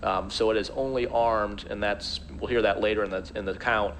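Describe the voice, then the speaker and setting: A man's voice: fairly low pitch, steady tone, moderate pace, fairly bright tone. A man giving live expert commentary in a conversational, explanatory way. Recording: faint background noise.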